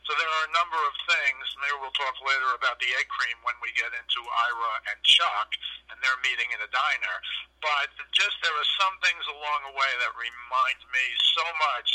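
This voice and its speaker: Over a phone line, a New York City man in his fifties rambles through long stories with plenty of fillers in a casual podcast conversation. He has a New York accent and a medium-pitched voice that sounds bright and forceful.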